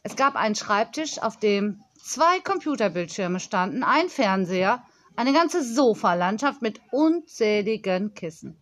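A woman narrating a children's audiobook in a calm, clear storytelling manner. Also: medium pitch, measured pace.

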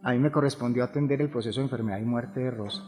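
Calm man in a reverberant hall. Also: medium pitch, rapid-fire. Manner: calm, explanatory, rhetorical questions. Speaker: grief therapist guest. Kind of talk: reflective podcast conversation. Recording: long hall reverb, faint music behind.

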